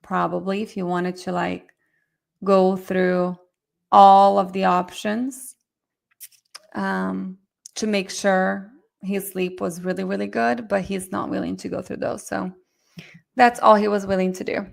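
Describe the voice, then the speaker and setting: Fast-talking woman teaching a webinar. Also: medium pitch, flat delivery, vocal fry. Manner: fast, chatty, addresses audience directly. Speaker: myofunctional therapy instructor. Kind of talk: live online webinar lecture.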